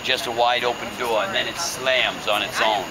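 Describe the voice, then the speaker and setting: A man's voice: mid-range voice, fairly even intonation, moderate pace, a crowd in the background, poor audio. A man working as a ghost tour guide, telling a story casually and dramatically with wry, folksy humour and suspenseful phrasing. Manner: folksy, wry, joking delivery.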